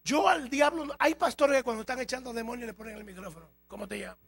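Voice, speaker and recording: A man preaching a sermon as a pastor, emphatic, his loudness rising and falling. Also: very high-pitched, lively intonation, fast, no echo, soft background music. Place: church hall.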